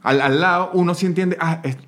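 A man's voice: on the high side, a little fast, a bit bright. A man with a Venezuelan Andean accent, a podcast guest telling stories in casual chat. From San Cristóbal, Venezuela.

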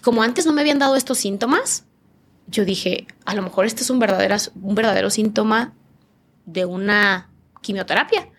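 A woman with a northern Mexican accent recounts an emotional personal ordeal as a podcast guest. Her voice sits at an ordinary middle pitch. She tells it vividly, slipping into the voices of the people she quotes. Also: normal speed, fairly bright tone. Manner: vivid storytelling, acting out quoted dialogue in changed voices.

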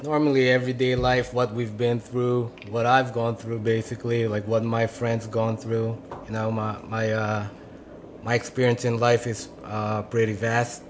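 A man's voice: medium pitch, level tone, moderate pace, slight background noise. A man who grew up in Singapore talks hesitantly about his lyrics in a casual interview. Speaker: band lyricist.

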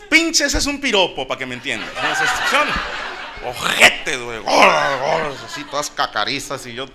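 A man's voice: fairly high pitch, very animated, normal speed, gravelly, a loud crowd. A man in his thirties with a Mexican accent performing a crude, slangy stand-up comedy monologue, acting out voices as he tells stories. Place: comedy venue with an audience. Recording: noisy live stage recording. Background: audience laughter.

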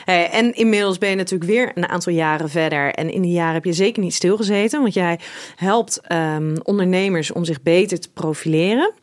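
Woman, interview host, encouraging and conversational, slightly low voice, dry close sound. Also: fairly quick, no echo.

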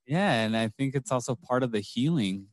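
A young man hosting a relaxed conversation, easygoing and slipping Spanish phrases into his talk. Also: medium pitch, a little fast, no echo, clean studio sound. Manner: laid-back, mixes in Spanish phrases. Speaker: podcast host. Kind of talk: casual conversation.

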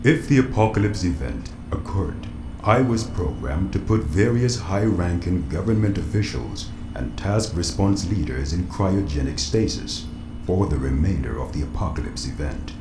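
A man playing a deep, echoing android bunker computer. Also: animated. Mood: reassuring, formal. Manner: android-like, formal, measured, emotionless delivery. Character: calm male android computer running a doomsday bunker. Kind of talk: audio drama acting. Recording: roomy echo, noisy background.

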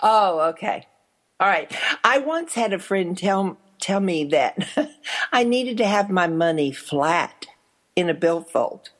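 A woman hosting an interview, asking questions in an unhurried way with frequent affirming interjections. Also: fairly low pitch, lively intonation. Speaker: interview host. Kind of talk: casual interview talk.

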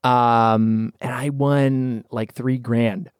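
A man in his twenties hosting a podcast, chatting casually in an animated, jokey way with plenty of laughter. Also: mid-range voice, very slow, clear, resonant tone, dry recording, studio quality. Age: 20s. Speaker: podcast host.

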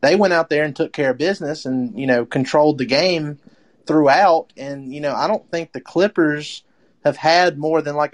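A man hosting a casual sports talk show, rambling with lots of fillers and restarts as he calls on his co-hosts. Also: a little high. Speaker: podcast host.

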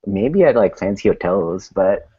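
A man's voice: sits low, animated, a little slow, slightly rough, no room sound. A man from Sri Lanka co-hosting a travel podcast, chatting casually and laughing between phrases. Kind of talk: casual chat. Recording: dry, muffled lo-fi podcast audio.

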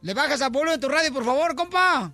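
Radio host, high bright voice, rowdy teasing banter, music bed underneath. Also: male voice, expressive, fast, no echo. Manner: teasing, flirty with callers.

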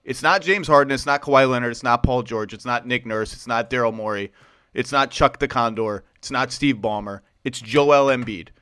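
A man hosting a casual sports podcast, animated and rambling, tired from too little sleep. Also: medium pitch, normal speed, clean tone, no room sound. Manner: animated, rambling, asks long questions. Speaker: podcast host. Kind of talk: casual basketball podcast talk.

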